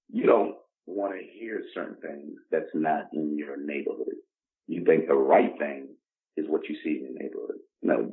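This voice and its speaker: A gravelly bass voice belongs to this Bronx man in his 50s, appearing as a podcast guest. His delivery is casual and motivational, emphatic, with bits of acted-out imagined dialogue. The sound quality is muffled, dull and lo-fi.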